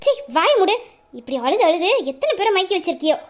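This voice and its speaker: A woman voicing a spiteful, scornful young woman who hurls fast, sneering insults in a drama. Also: very high voice, sing-song.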